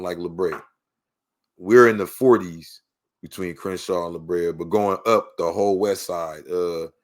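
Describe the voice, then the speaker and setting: Middle-aged LA man, very deep voice, interview guest, loose and rambling. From Los Angeles. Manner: laid-back and rambling, heavy on "you know what I'm saying". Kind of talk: casual interview talk.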